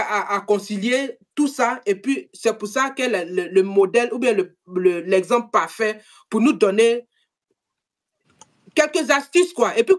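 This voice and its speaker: A woman hosting a live stream, talking in an animated way, repeating herself and turning to speak to viewers directly. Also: on the high side. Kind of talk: casual live-stream chat.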